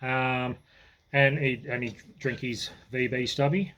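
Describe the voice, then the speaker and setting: A man's voice: mid-range voice, fairly even intonation, takes it slowly, fairly bright tone. An Australian man telling a family story in a casual, rambling way, full of asides and restarts.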